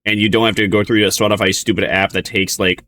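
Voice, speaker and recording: A man's voice: on the low side, little pitch movement, fast, bright, forceful tone, a little hiss or hum. A man streaming casual reaction commentary, rambling in a bemused, hesitant way.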